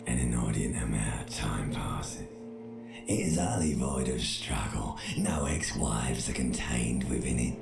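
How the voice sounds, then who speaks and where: A man voicing an ancient primal brain in scripted game narration, slow, hushed and coaxing. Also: extremely low pitch, gravelly, heavily acted. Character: ancient primal male brain voice, seductive and bleak. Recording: echoey game audio over music.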